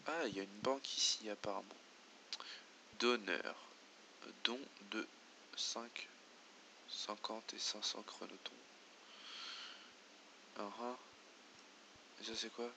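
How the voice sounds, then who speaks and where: A man's voice: fairly low pitch, fairly even intonation, slow, vocal fry, pauses often, background noise. A man doing let's play commentary, muttering to himself and reading game menus aloud. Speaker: gamer.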